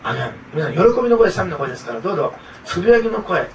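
A man pastor delivering a sermon in an earnest, repetitive way, leaning on little asides to his listeners. His fast, gravelly voice sits a bit high and is picked up from some distance, with faint room noise behind. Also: big pitch swings.

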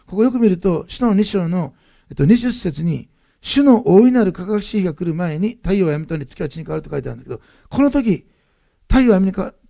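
A man preaches quickly and emphatically, repeating his key lines. His voice sits high but sounds husky and mellow. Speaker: pastor. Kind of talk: sermon.

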